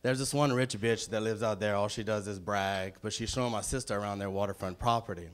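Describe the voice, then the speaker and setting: Brash stand-up comic. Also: male voice, lowish voice, steady tone, brisk, clean tone. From Louisiana, USA. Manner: brash, storytelling, punchy asides. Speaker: stand-up comedian. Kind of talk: stand-up comedy set. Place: comedy club stage.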